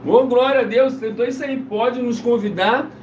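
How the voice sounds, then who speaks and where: Brief: a man with a very high voice, preaching on a live stream, loose and insistent, picked up far from the mic. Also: moderate pace, a little mellow. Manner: loose, insistent, repeats himself. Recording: roomy, distant mic, faint noise.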